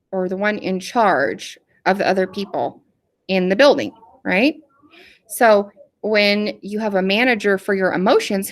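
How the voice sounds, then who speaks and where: A woman teacher giving a recorded lesson to young children in an encouraging, animated manner. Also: medium pitch. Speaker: elementary school teacher.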